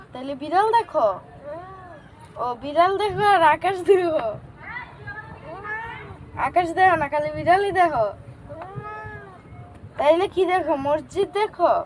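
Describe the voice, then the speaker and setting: Woman baby-talking her cat, very high voice, slow and singsong, faint cat meows behind. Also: slight background noise, rough recording. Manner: gentle sing-song questioning. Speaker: cat owner. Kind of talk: baby talk to a pet cat. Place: home with cats.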